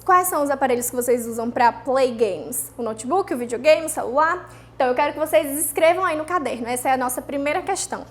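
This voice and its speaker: A Brazilian Portuguese-speaking woman teaching an English video lesson, stretching English words out slowly for students to repeat and checking in often with "certo?". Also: high voice. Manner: slow, drawn-out model pronunciation of English words for repeating.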